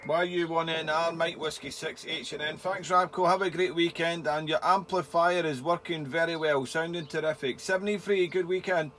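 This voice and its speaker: A man with a slightly high voice makes a ham radio contact in short procedural phrases. There is a light layer of noise behind him. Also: fairly even intonation, moderate pace, hardly any pauses, fairly bright tone. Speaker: amateur radio operator.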